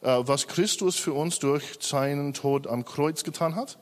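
A man's voice: fairly high pitch, a little slow, in a large hall. A middle-aged Australian man, a native English speaker, gives a hesitant personal testimony in a church service, full of fillers and self-corrections. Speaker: church member giving a testimony.

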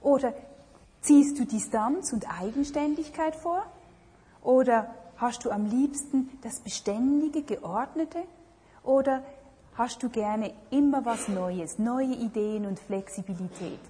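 A woman with a rather high, husky voice gives a reflective talk, often asking her listeners questions. She speaks in a large room, and her voice trails off into a long hall reverb. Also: measured pace, mellow. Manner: reflective, asks many questions. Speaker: speaker on marriage and relationships. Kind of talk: talk to an audience.

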